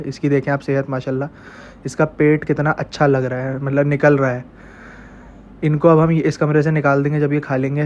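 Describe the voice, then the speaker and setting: A congested man chatting in a flat voice. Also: mid-range voice, highs cut off, slight background noise. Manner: chatty, coaxing the animals directly. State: congested and stuffy. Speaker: vlogger raising goats and chickens at home. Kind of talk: casual narrated farm vlog.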